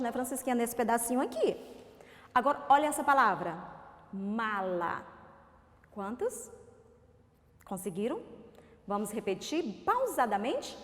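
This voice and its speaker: A Brazilian woman teaching a recorded literacy lesson to young children, sounding out words slowly syllable by syllable and asking coaxing questions. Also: sits high. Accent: Brazilian Portuguese. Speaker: primary school teacher. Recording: reverberant room.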